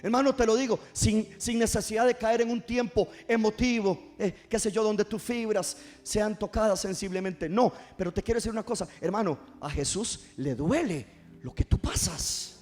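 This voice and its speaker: A man's voice: high-pitched, moderate pace, darkish tone, faint music behind. A man preaching a passionate sermon, firing rhetorical questions at his congregation. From Costa Rica. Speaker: pastor. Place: church service.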